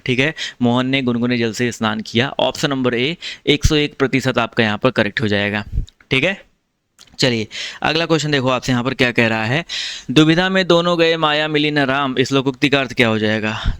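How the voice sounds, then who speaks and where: Smooth-voiced teacher, dry sound. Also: male voice, medium pitch, a bit bright, dry recording. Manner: chatty, calls listeners brother, repeats answers. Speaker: Hindi teacher for exam prep. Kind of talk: casual online exam-prep lesson.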